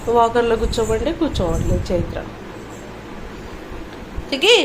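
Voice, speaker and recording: A woman's voice: a little high, normal speed, noisy background. A woman vlogging at home, coaxing a baby in a sing-song way and narrating to her viewers. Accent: Telugu. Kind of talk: casual home vlog narration.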